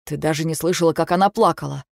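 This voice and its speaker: A woman voicing a worried young husband who speaks softly, low and insistently. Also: fast talker, gravelly, dry recording, clean studio sound. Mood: firm. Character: worried young husband, gentle but firm.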